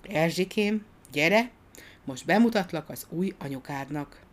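Woman reading a gentle, soft-spoken father in a storybook, low and quiet. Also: close to an everyday voice. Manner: calm, warm, soft-spoken. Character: kindly, gently serious father.

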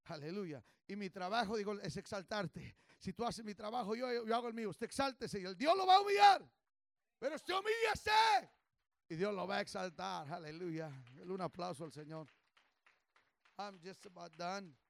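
A male pastor preaching a fervent sermon, swinging from low murmurs to shouts, leading call-and-response and slipping into English phrases. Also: normal speed, creaky, no room sound. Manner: call-and-response, urging the congregation to repeat. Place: church service.

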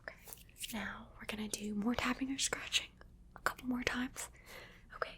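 A woman speaks almost entirely in a soft, breathy whisper, slightly higher than most women. She is playful and coaxing as she gives the listener one small instruction after another. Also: steady tone, moderate pace. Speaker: ASMR creator. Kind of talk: whispered ASMR attention-test role-play.

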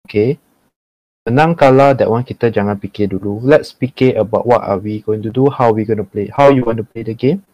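A man's voice: fairly low pitch, fairly quick, warm tone, no room sound, muffled recording. A man with a Malaysian accent chatting and explaining casually in slangy Malaysian English mixed with Malay. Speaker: podcast guest, mental performance coach for gamers.

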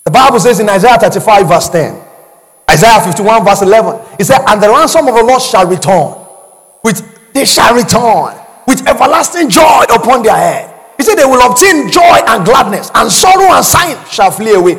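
Male pastor preaching loudly, high and animated, echoing in a big hall. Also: normal speed, creaky. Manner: preaching with call-and-response and frequent shouting. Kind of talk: sermon.

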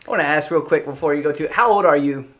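A man's voice: a little high, fast. A man, a pastor hosting a casual church podcast in an upbeat, welcoming way. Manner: upbeat, welcoming host patter.

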